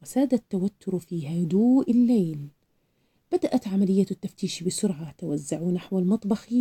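A woman narrates a novel in the first person as an audiobook reader. Her delivery is expressive and dramatic. Her voice is very dark and mellow and sits at a middle pitch. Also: husky.

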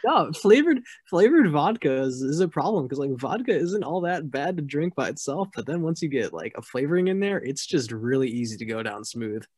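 A man's voice: fairly high pitch, very animated, brisk, hardly any pauses, a little mellow, slightly rough, dry recording. A young man co-hosting a sports podcast, joking and swearing bluntly in casual chat. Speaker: podcast co-host.

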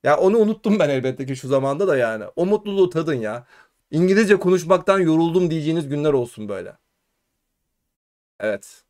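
Animated Turkish man, upbeat and urging. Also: fairly high pitch, quick pace. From Turkey. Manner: animated, exclaiming, urging viewers. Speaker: host. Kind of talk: casual live-stream chat.

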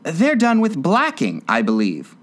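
Polite, wondering young girl, read by a man, lifted pitch. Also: huge pitch swings, a little slow, fairly bright tone, heavily acted. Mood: curious.

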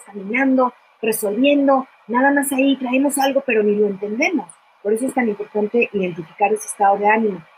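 Chatty woman, bright pitch. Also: slight background noise, rough recording. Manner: warm, conversational, addresses viewers by name. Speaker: speaker answering viewer questions. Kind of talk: live talk on emotions.

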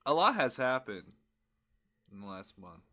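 A young man hosting a casual podcast chat with friends, slow-talking with loud joking bursts. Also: mid-range voice, big pitch swings. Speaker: podcast host.

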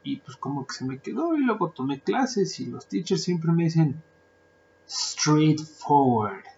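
A man's voice: a little high, big pitch swings, moderate pace, vocal fry, a little mellow, a little hiss or hum. A man with a Mexican Spanish accent hosting a casual podcast monologue, chatty and joking, with lots of filler words. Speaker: podcast host, translator and interpreter. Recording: dull lo-fi sound.

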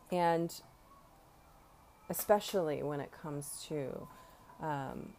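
A woman's voice: deep voice, gravelly, warm tone, a little hiss or hum. A woman hosts a podcast, musing earnestly in a rambling, reflective monologue full of fillers. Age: 40s. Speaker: podcast host.

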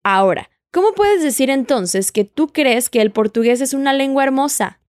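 A woman teaching Portuguese leads an animated audio lesson at a moderate pace, her voice slightly high yet darkish in tone. She patiently keeps asking the listener to repeat after her. The dry, close recording carries no room sound.

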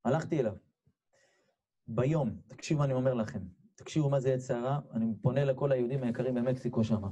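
Male sermon storyteller, warm and relaxed tone, jumps high for quoted voices. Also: highs cut off. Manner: animated, voice leaps high when acting out quoted people; repeats phrases, addresses listeners directly. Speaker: religious speaker.

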